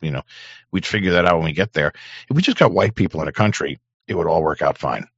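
A middle-aged man with a hoarse throat hosting an on-air show, rambling and swearing, often clearing his throat. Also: deep voice, quick pace, dry recording. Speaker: show host. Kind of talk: casual on-air monologue. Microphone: studio microphone. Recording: dry, dull lo-fi mic.

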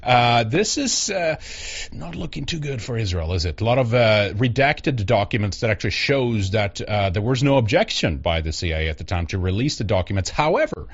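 A man's voice: fairly low pitch, very animated, husky. A man from Sweden hosting a casual conversation, talking loosely with many fillers. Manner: quick, loose, filler-heavy. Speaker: host. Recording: dull lo-fi sound.

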